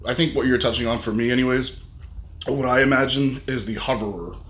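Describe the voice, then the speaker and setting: A man co-hosting a gym podcast in casual chat, joking in a deadpan way. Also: medium pitch, a little fast. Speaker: podcast co-host. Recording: echoey room, faint background noise.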